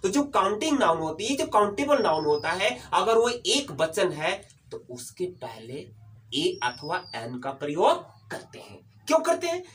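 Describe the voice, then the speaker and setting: A man's voice: high voice, very animated, unhurried, fairly bright tone. A male English teacher giving a classroom-style lecture. He asks questions and answers them himself, repeats key points, and calls his students dear. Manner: addresses students fondly as "my dear". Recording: voice from a distance, faint background noise.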